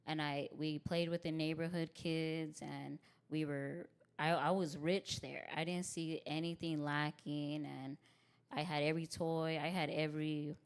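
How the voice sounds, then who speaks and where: Speaking at a measured pace with a flat delivery, this Tucson, Arizona comedian has a smooth, deep voice full of bass. As a podcast guest in a casual interview, she chats candidly, laughs a lot, and peppers her talk with "like" and "you know what I mean."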